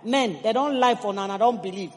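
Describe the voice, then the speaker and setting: A Nigerian woman in her fifties preaches a sermon with a Nigerian accent, emphatic and humorous. Her medium-pitched voice moves briskly, with long reverb from the big hall.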